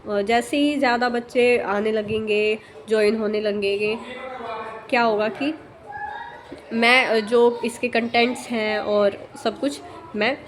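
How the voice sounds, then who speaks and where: Softly explaining woman shorthand teacher. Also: a little high, steady tone, slight background noise. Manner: explains slowly with many fillers and "theek hai" checks. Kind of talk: casual spoken lesson.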